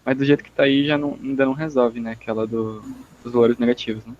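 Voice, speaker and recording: Man, student on a call, rapid tentative questions, muffled dry audio. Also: medium pitch, steady tone, a little mellow, no room sound.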